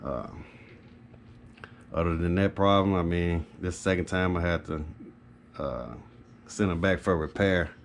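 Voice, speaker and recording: Talking into a handheld camera in his small, carpeted home office, an HVAC technician and video host casually rambles through a product update in a matter-of-fact tone. His voice sits low, a little slow, with frequent pauses, and a faint layer of background noise is audible.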